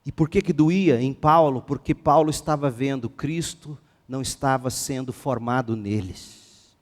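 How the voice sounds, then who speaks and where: A male pastor with a Brazilian Portuguese accent, preaching a sermon with passion, swinging between hushed and forceful. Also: medium pitch, normal speed, in a large hall. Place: church sanctuary.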